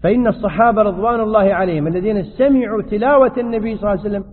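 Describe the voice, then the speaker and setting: A man, a sheikh, giving a religious lesson and answering questions from the audience in a quick, explanatory way. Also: high-pitched. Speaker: sheikh teaching fiqh. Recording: tinny, echoey hall sound.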